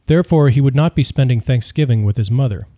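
Male narrator for a true-crime read, very mellow dark tone, steady delivery. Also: medium pitch, quick pace. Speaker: audiobook narrator. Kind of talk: scripted narration.

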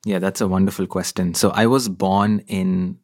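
Young male interview guest from India, low gravelly voice, earnest and reflective. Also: fairly even intonation, normal speed, darkish tone. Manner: earnest, thoughtful, laughs easily. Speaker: podcast guest. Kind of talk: conversational interview.

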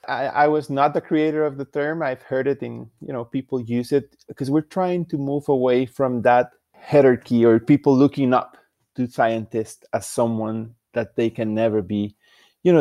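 A man's voice: mid-range voice, moderate pace, dark tone, no room sound, studio quality. A man from Rica, giving easygoing, unpretentious answers as a guest in an interview. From Costa Rica. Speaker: guest conservation scientist.

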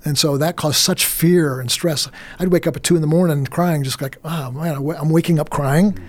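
This is a middle-aged man with a fairly high voice, speaking as a guest minister in a faith interview. He talks earnestly, often stumbling, restarting and repeating words as he pushes his point. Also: steady tone, moderate pace, a little mellow.

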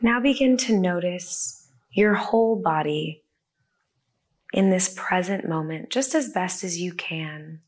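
A woman guides a body-scan meditation in a gentle, soothing voice. Her voice sits a little low, and she speaks very slowly, leaving long pauses between phrases. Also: animated, slightly rough. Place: a room with the listeners present.

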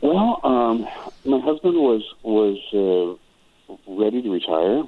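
A man's voice: medium pitch, takes it slowly. An older man from Wisconsin, a musician guest on a radio interview, talking reflectively and rambling with frequent restarts. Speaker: guest musician and choral director. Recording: tinny phone-like radio audio.

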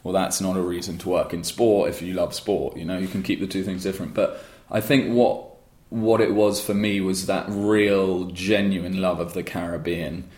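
A man with a deep, low voice talks at length in an interview about starting his own rum brand. His answers wander and restart, dotted with fillers. The room around him rings with echo. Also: level tone, normal speed, darkish tone. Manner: rambling with frequent restarts and fillers. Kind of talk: conversational interview.

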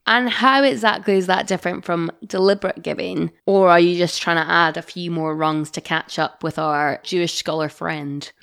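A female podcast co-host chats in a casual way and teases her partner playfully. Her voice sits low for a woman and carries a gravelly fry. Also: steady tone, normal speed, few pauses, a bit bright. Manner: teasing, playful.

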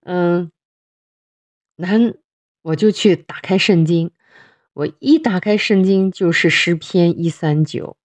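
A woman's voice: lowish voice, no echo. Dry-voiced mother sharing a testimony. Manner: unhurried, pausing with fillers, grows excited. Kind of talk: personal faith testimony.

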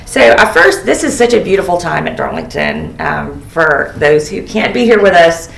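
A woman hosts a school podcast and chats warmly with her students, slipping in ums. Her voice is low and gravelly and moves up and down a lot. She sounds a little off the mic in an echoey room with faint hiss. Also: big pitch swings, normal speed, recorded from a distance. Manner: chatty, encouraging, with many ums. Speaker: host, dean of students.

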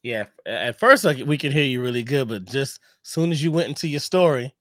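A man's voice: mid-range voice, animated, brisk, dry recording, studio quality. A man hosting a podcast interview, chatting casually, prompting his guest and checking the audio levels. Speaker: podcast host.

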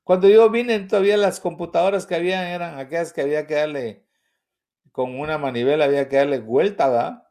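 A man's voice: on the high side, a little fast, a little mellow. An older man, a pastor, preaching an earnest testimony sermon full of repetition and rhetorical questions.

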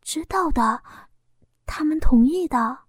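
A woman reading a story voices a shy young village wife in a hushed, confiding way, her voice high and mellow. Her pace is unhurried, and the sound is dry and close.

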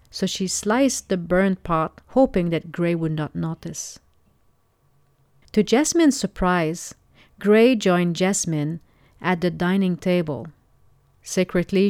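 Slow, expressive woman narrator. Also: fairly low pitch, no echo, clean studio sound. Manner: expressive, unhurried reading. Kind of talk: audiobook narration.

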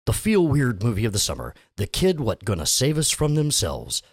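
A man voicing a dramatic movie trailer announcer, slow and booming. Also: huge pitch swings, husky, no echo, studio quality, full character voice.

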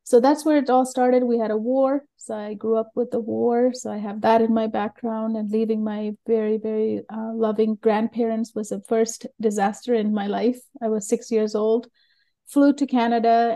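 Mellow-voiced middle-aged woman guest. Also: on the high side, little pitch movement, normal speed. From Sri Lanka. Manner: open, earnest storyteller with loose rambling phrasing. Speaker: guest, learning method creator. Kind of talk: candid personal interview.

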